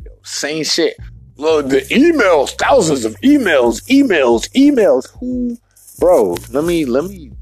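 A man hosting a solo podcast rant, profane and emphatic, in street slang, repeating his points and spelling words out slowly. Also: lowish voice, a little mellow. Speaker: podcast host.

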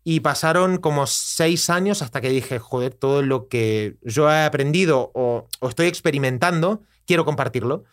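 A man with an Argentine accent, a guest telling his story in a relaxed, reflective interview with many restarts. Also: fairly high pitch, moderate pace, few pauses. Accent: Argentine Spanish. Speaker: guest, personal development teacher. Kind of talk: casual conversational interview.

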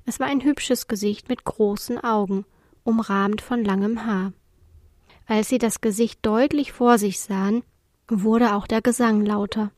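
A woman narrating a children's storybook chapter in a clear, even reading voice. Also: mid-range voice, a little slow, no echo, studio quality. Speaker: audiobook reader.

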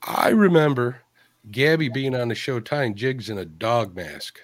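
A man's voice: mid-range voice, lively intonation, a little slow, no echo. A man co-hosting a live fishing stream, chatting casually and greeting viewers by name.

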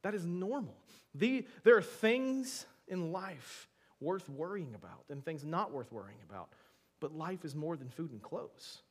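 Male pastor, fairly high voice, chatty sermon delivery that swings from quiet asides to loud emphasis, questions to the room. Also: expressive, unhurried. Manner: conversational, with frequent rhetorical questions to the congregation; shifts between soft asides and emphatic bursts. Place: church before a congregation.

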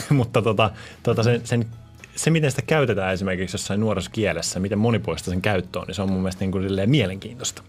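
A man co-hosting a podcast, asking questions and answering in a relaxed, hesitant way with many fillers. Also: fairly low pitch, soft background music. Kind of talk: casual podcast chat.

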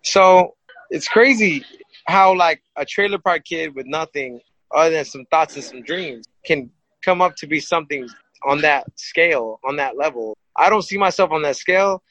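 A man who is a boxer, telling stories as a guest in a casual, rambling and animated way, often repeating himself. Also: a little high, moderate pace, no echo, dull audio. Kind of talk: casual storytelling. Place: studio set, live stream.

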